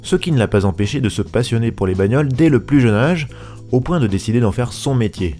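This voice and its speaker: Soft music plays behind this forties-aged car journalist as he hosts his podcast interview. His mellow mid-range voice moves quickly and expressively, and his eager delivery keeps tripping over words and starting again.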